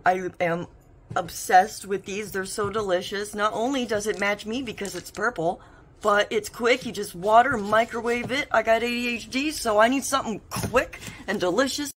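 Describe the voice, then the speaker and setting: A young adult woman chats in a casual vlog from her living room, filmed on a phone camera held at arm's length. She's bubbly and talkative with a self-mocking streak, her medium-pitched, fairly bright voice at a normal speed over slight background noise.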